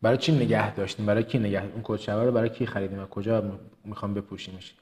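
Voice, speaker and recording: A man's voice: fairly low pitch, fairly even intonation, a little mellow. Emphatic man with a slight Kermani accent. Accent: slight Kermani Persian. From Kerman, Iran. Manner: emphatic, repeats words for stress, rattles off quick lists. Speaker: business and public speaking trainer. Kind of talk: motivational business lesson.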